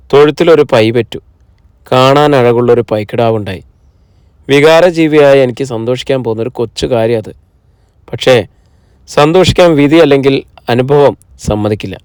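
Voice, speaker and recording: An earnest, troubled middle-aged husband who pleads his case in an audiobook, voiced by a man narrator. The voice is smooth and clear. It is recorded close and dry. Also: mid-range voice, moderate pace, long pauses, darkish tone, no echo, close to an everyday voice. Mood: rueful. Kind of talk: audiobook character reading.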